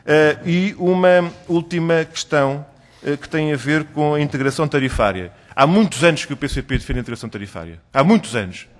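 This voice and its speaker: Insistent high-voiced man questioning officials. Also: brisk. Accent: European Portuguese. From Portugal. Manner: insistent, probing, rhetorical questions. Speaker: member of parliament questioning a minister. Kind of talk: parliamentary hearing questions.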